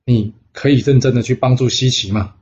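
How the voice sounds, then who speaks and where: A man's voice: medium pitch, steady tone, fairly quick, darkish tone, lo-fi sound, slight background noise, natural voice. A man doing a grave old Taoist master.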